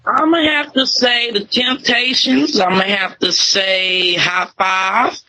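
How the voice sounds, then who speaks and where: A young woman from Tyler, Texas, who hosts radio, is being interviewed in a casual chat, speaking slowly in a steady, medium-pitched voice that sounds pushed and bright. Her talk is laid-back and slangy, packed with fillers, and the recording quality is low.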